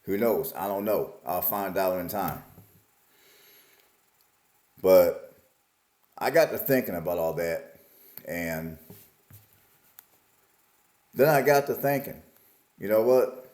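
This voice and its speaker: This Alabama vlogger, a man in his forties, reflects casually and plainly on his life. He speaks in a low, slightly mellow voice that's animated yet slow, pausing often, and the space sounds reverberant.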